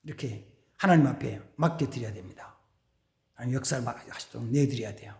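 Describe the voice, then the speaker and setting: A man's voice: mid-range voice, quick pace, vocal fry, roomy sound. A male pastor delivering a dramatic sermon, acting out the voices of biblical figures as he preaches.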